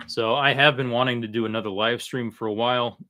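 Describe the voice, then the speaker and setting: A man hosting a casual, unscripted livestream, talking in a halting way that often trails off. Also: mid-range voice, steady tone, bright, forceful tone. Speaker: livestream host.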